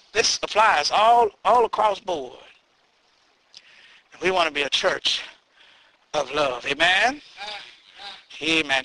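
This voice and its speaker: A man preaching into a pulpit microphone, his voice pitched very high with a sharp, piercing brightness. He calls out to the congregation again and again and climbs to shouted peaks before settling into prayer. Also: low-quality recording. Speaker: pastor. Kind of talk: sermon then prayer.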